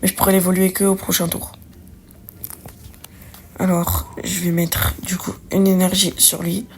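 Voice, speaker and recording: A woman's voice: fairly low pitch, level tone, measured pace, a little hiss or hum. A young woman chatting casually while she plays a card game, thinking aloud in slang and correcting herself as she goes. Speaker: gaming video creator. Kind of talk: casual let's-play commentary. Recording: faint music behind.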